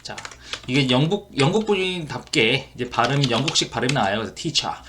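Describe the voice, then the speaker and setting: A man teaching an English listening lesson, with a voice that rises and falls in lively swings. He breaks English lines into single words and says them back slowly before he explains them, and he talks casually with plenty of fillers. Faint keyboard typing sounds in the background. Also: medium pitch, noisy background.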